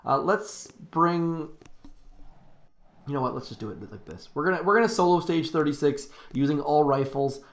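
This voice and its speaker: A man's voice: fairly high pitch, expressive, moderate pace. A man live-streaming a strategy game, giving casual, upbeat, rambling commentary, correcting himself and cheering on his troops aloud.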